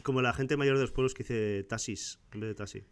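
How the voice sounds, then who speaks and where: A man's voice: mid-range voice, fast, clear, resonant tone. A man from Spain, co-hosting a casual podcast chat, asking questions and quoting others. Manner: chatty, asks questions and quotes others. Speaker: podcast co-host.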